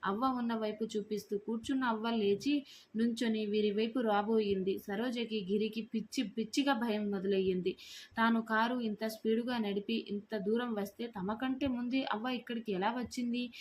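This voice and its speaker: A woman at home telling a horror story aloud in an expressive, dramatic reading manner. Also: on the high side, moderate pace. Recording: faint background noise.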